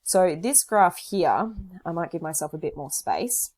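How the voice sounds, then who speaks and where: A woman teaching a maths lesson, talking through each step of her working aloud in a casual way, her voice a little hoarse. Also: fairly low pitch, sing-song, a little slow, a little mellow. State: slightly hoarse. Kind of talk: recorded whiteboard lesson.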